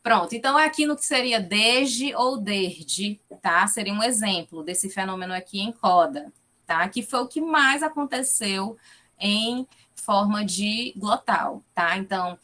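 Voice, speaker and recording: A woman with a Fortaleza accent delivers an academic research talk over a video call. Her tone is explanatory and patient, and she checks in with her listeners after nearly every point. Her voice sits at an ordinary middle pitch for a woman. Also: lively intonation, a little slow, sharp tone. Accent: Fortaleza, Ceará. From Fortaleza, Brazil. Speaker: guest lecturer, linguistics researcher.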